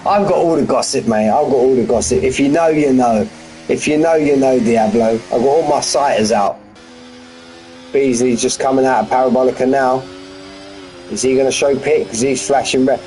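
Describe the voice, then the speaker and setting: A man's voice: medium pitch, normal speed, warm tone, slight background noise, rough recording. A man giving live race commentary on a stream from his front room at home, chatty and full of banter with his viewers. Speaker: sim racing commentator.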